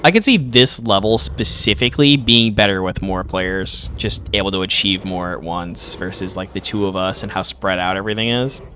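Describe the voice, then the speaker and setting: A young man chats casually through a co-op game session. His voice sits a little low, and his talk rambles in a relaxed way. Quiet game ambience murmurs underneath. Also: normal speed, few pauses, slight background noise. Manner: rambling, relaxed, with bursts of startled yelling. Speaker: gaming video host. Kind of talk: casual co-op gameplay chat.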